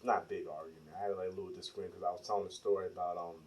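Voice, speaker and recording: A man's voice: sits low, racing, far from the mic, low-quality recording. A man in his thirties, a podcast co-host, telling a story in casual chat and acting out the voices of the people in it. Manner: animated storyteller, acts out quoted dialogue.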